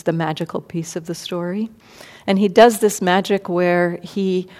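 A woman meditation teacher giving a dharma talk, thoughtful and unhurried, pausing and restarting as she explains. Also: on the low side, darkish tone. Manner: thoughtful, many fillers and restarts. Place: meditation hall.

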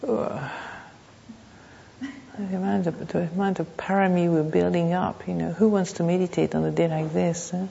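In a reverberant hall, slightly dulled on the recording, a woman gives a meditation talk. Her voice is mellow and gravelly. She speaks reflectively, pausing and circling back over phrases. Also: lowish voice, fairly even intonation, lo-fi sound. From Thailand. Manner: reflective, halting, with pauses and repeated phrases. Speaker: meditation teacher. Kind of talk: unscripted dharma talk.

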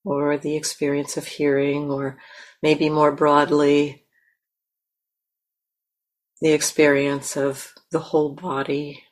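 A woman guides a meditation at a very slow pace, her low voice completely flat. The teacher stays gentle and unhurried, letting long pauses fall between her words.

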